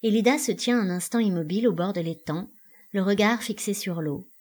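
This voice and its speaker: Husky woman reading stage directions, even and calm. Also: mid-range voice. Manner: even, unhurried narration. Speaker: audiobook reader.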